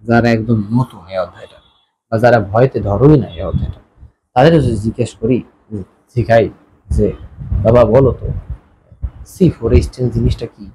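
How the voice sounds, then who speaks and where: A male teacher explains chemistry in a warm, relaxed voice. He keeps asking his students whether they follow along and slips English words into his teaching. A faint hum of room noise sits behind him. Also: mid-range voice, poor audio. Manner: asks students frequent check questions; mixes English terms into speech. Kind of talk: classroom lecture.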